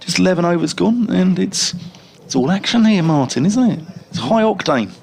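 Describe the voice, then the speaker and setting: Gravelly cricket commentator, jokey. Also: male voice, high voice, lively intonation, normal speed, darkish tone. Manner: jokey, rambling, chatty between balls. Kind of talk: radio cricket commentary with chat.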